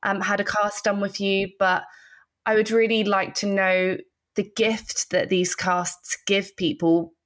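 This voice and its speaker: Woman, interview host, enthusiastic, encouraging, middle pitch. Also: little pitch movement, unhurried, a bit bright. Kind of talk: casual interview conversation.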